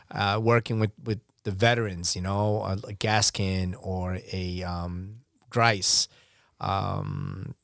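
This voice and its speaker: Candid, halting male podcast guest. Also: fairly low pitch, dry recording, clean studio sound. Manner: candid, halting, many fillers, trailing softer. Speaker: podcast guest, basketball referee. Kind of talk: casual podcast conversation.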